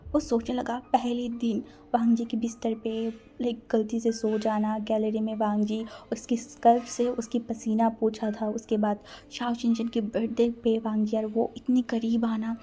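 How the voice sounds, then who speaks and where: A woman's voice: fairly high pitch, monotone, normal speed, few pauses, mellow. A woman narrating a romance fan story in a dramatic, breathless storytelling manner.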